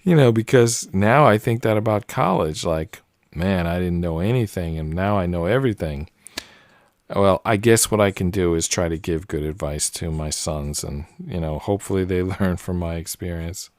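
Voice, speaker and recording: Working on a jigsaw, this man in his late forties, who hosts a puzzle channel, gives loose solo commentary that wanders off on tangents and is packed with fillers. He has a deep voice at a moderate pace, captured in clean studio sound without any room sound.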